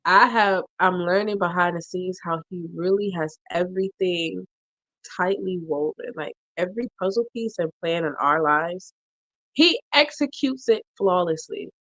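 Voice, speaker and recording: Host: woman with a lowish voice, animated and playful, testifying about faith, slightly muffled dry recording. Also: measured pace, no room sound. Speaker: podcast host. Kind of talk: casual chat.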